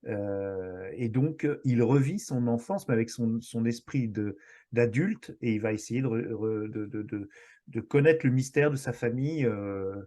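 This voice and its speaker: A man's voice: medium pitch, unhurried, dark tone. A man from France, a guest on a podcast, talking enthusiastically but hesitantly, with many fillers and restarts. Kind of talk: casual podcast chat.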